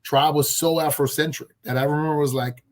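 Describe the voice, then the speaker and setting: A man's voice: fairly high pitch, fairly even intonation, brisk. A man from Colombia, a guest on a video call, telling his story in a reflective, casual way with many fillers and restarts.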